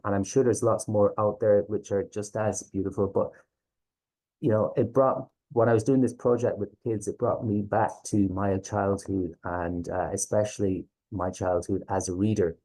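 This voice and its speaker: A man's voice: fairly low pitch, dark tone, rough recording. A man with a west of Ireland accent giving an informal presentation as a teacher, hesitant and often checking in with listeners. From Galway, west of Ireland. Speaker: teacher presenting a reading series.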